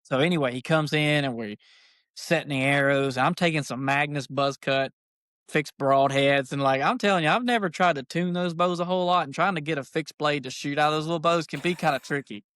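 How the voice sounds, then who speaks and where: A man, an archery shop owner, telling stories as a podcast guest in a folksy, animated way. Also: fairly high pitch, fairly quick, dry recording, studio quality. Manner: animated, folksy, says "dude" a lot. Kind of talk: casual storytelling chat.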